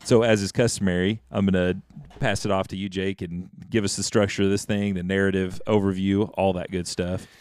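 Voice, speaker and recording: A man co-hosting a book podcast in a relaxed, rambling way, reading passages aloud and chatting. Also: low voice, fairly quick, smooth, no room sound. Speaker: podcast co-host.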